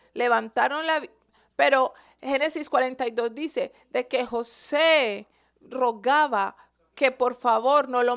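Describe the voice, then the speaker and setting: A woman teaching from the Bible in a sermon, asking her listeners questions and stretching key words out slowly for emphasis. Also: high voice, creaky, fairly bright tone.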